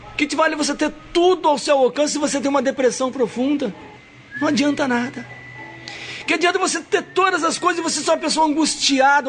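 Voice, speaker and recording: High-voiced pastor preaching fervently. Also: male voice, slight background noise. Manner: swings from hushed and slow to loud, high shouts; reads scripture aloud slowly. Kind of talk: sermon.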